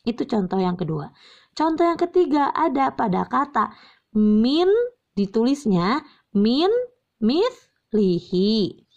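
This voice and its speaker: A woman's voice: fairly high pitch, lively intonation, gravelly. A young woman teaching Quran reading rules, asking questions and answering them herself, and stretching out each example word. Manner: drawn-out recited examples, repeats key terms, asks and answers herself. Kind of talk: slow patient tajwid lesson. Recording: slightly dull lo-fi recording.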